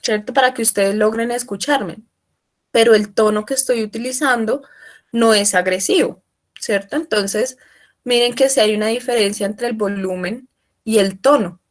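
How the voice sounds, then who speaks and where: A woman giving an online workshop, explaining loudly and often checking in with her listeners. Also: a little high, moderate pace. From Colombia. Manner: explanatory, asks frequent check-in questions; speaking loudly for remote listeners. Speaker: workshop trainer. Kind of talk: online training talk.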